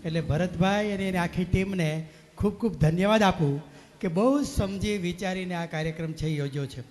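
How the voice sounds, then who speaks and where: A man's voice: sits high, normal speed, a little hiss or hum. A man with a Kathiawadi accent giving a folksy storytelling speech to parents at a school event, with emphatic rising punches, speaking into a PA microphone. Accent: Kathiawadi Gujarati. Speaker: guest speaker at a school function. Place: school cultural event stage. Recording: long reverb from a loud PA.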